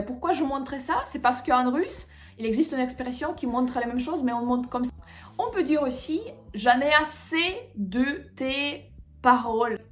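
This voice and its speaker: A woman teaching French expressions in a video lesson, explaining slowly and speaking directly to her viewers. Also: fairly high pitch. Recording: soft music behind.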